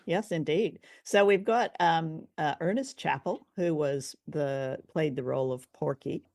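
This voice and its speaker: A woman co-hosting a podcast, leading the chat with lively, curious questions about an old radio play. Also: low voice, unhurried, no echo, clean studio sound. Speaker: podcast co-host. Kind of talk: casual review discussion.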